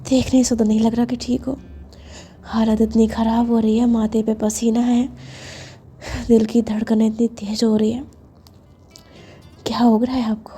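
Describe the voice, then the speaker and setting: A woman voicing a confident, teasing young woman who speaks softly and coaxingly, partly in a whisper. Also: fairly high pitch, level tone, normal speed, long pauses, breathy edge, faint music behind. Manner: soft, coaxing, half-whispered.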